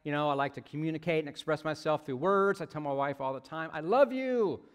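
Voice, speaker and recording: Man, pastor, sermon, slightly high voice, long church-hall reverb. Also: fast talker, smooth. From United States. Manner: conversational, jokey asides, frequent "right?".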